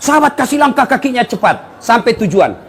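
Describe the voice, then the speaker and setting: A fairly high-pitched man delivers a lively, joking sermon as a preacher, telling stories and teasing his listeners. A faint hiss sits under his voice. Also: brisk. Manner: jokey, animated storytelling with asides to the audience. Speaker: Islamic preacher. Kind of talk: humorous sermon to a congregation.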